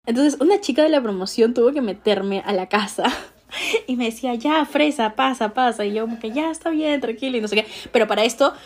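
A woman's voice: a little high, brisk. A young woman with a Peruvian Spanish accent, telling a story in casual chat and laughing often.

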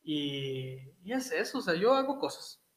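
A man's voice: a little high, big pitch swings, measured pace, a bit bright. A man from Nuevo León with a northern Mexican accent, chatting casually and jokingly as an interview guest in colloquial, slangy speech. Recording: echoey room sound.

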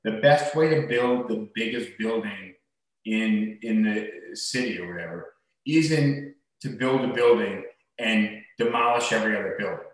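A man co-hosting a podcast in casual chat, emphatic and swearing, recorded in an empty room that echoes like a cave. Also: a little slow. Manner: emphatic, swears, jumps between pitches. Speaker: podcast co-host. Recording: heavy cave-like room echo.

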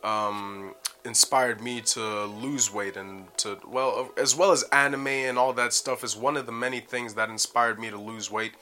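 A man with a Canadian accent, a podcast guest chatting casually in an animated way and swearing freely. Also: medium pitch, moderate pace, hardly any pauses. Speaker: podcast guest, MMA fighter. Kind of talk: casual chat.

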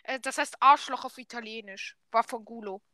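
A woman's voice: a little high, normal speed, crowd noise. A woman, casually teaching a friend words in a playful, teasing way. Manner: playful, teasing, laughs often. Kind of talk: casual chat.

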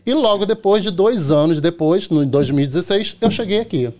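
A middle-aged Carioca man from Rio de Janeiro, Brazil, speaks in a high, slightly mellow voice, a bit fast, with lively intonation. As a podcast guest he tells chatty, casual anecdotes, acting out the quoted dialogue and often tagging on "entendeu?"

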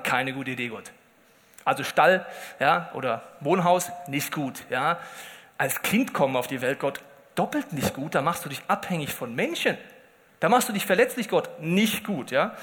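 A man with a high, bright voice delivers a humorous sermon. He tells lively stories and acts out the quoted lines. A long reverb rings from the hall around him. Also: normal speed. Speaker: preacher.

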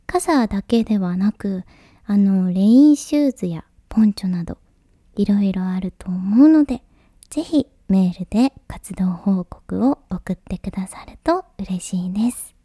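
A woman hosting a late-night podcast in a soft, breathy, whispery voice, speaking to listeners in extremely polite, formal phrasing. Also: medium pitch, lively intonation, normal speed, dry recording, studio quality. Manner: ultra-polite, formal honorific Japanese phrasing. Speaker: podcast host.

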